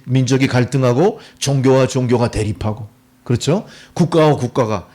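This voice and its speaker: A middle-aged male pastor preaching a sermon, often putting questions to the congregation. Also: a little high.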